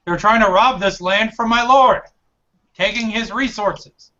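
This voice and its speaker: A man's voice: high-pitched, unhurried, sharp tone. A man playing a tabletop game, eager and full of questions. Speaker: player. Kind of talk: casual tabletop game play. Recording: dull lo-fi recording.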